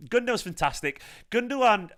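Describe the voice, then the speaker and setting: A man with a Manchester accent, hosting a live football fan reaction stream, chatting excitedly and swearing while reading viewer comments. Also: very high-pitched, a little fast. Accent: Mancunian. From Manchester, England. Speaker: football fan channel host.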